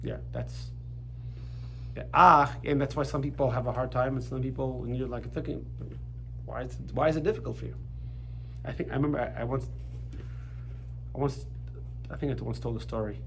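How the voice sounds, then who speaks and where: A man's voice: medium pitch, steady tone, normal speed, pauses often, bright, forceful tone, slight background noise. A man teaching a religious class as rabbi, chatty and full of restarts and asides. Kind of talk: Torah lesson with casual storytelling. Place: classroom with students.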